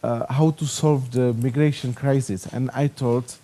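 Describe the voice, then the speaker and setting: This speaker is a man from the Czech Republic with a mellow, mid-range voice and a steady tone. At a conference panel, he stumbles through non-native English in his Czech accent, using many fillers.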